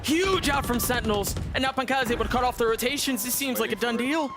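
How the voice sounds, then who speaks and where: High-pitched male esports caster, often shouting. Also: rapid-fire. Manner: esports caster delivery, building to excited shouts. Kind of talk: live esports commentary. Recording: loud music and game gunfire behind.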